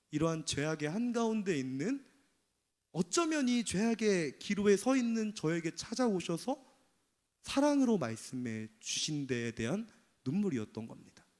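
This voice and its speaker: A male pastor preaches an earnest, confessional sermon in a church sanctuary. His voice is very high for a man. Long reverb from the hall hangs after each phrase. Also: a little mellow.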